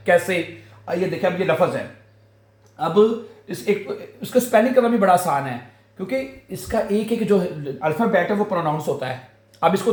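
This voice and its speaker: A man with a Pakistani Urdu accent teaching German phrases, repeating words slowly syllable by syllable. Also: sits high, a little mellow, echoey room. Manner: slow, repeats words syllable by syllable with frequent "हैं" fillers. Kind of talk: language lesson.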